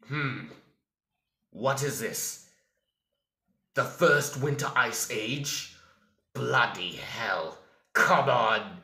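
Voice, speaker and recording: A menacing male Death, a grandiose villain who taunts mortals. The delivery is extremely slow, with a very forceful, sharp edge. It sounds theatrical, in a roomy, echoing space. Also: lowish voice. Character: Death, menacing male soul-eating entity sneering at mortals.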